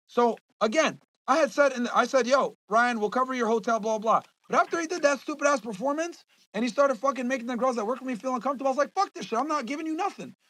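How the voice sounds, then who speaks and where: Fast-talking high-voiced man ranting. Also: a bit bright, poor audio. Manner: heated, profane, repeats himself. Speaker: podcast host. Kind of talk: casual rant to viewers.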